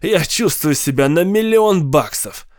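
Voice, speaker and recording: A man voicing a scheming, moody middle-aged uncle who talks in a sly, coaxing way, pitched higher than his narration. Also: expressive, measured pace, no echo, clean studio sound.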